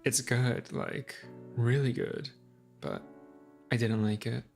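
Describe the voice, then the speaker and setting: A woman streamer reading a visual novel aloud, narrating in a calm, reflective way. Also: rumbling low, slow pace, creaky, faint music behind.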